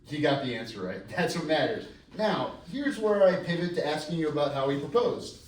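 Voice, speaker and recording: A man's voice: on the high side, expressive, normal speed, a little mellow, natural voice. A man reading the part of a playful, upbeat wedding planner at a table read. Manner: upbeat, teasing. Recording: roomy distant live room recording, faint noise.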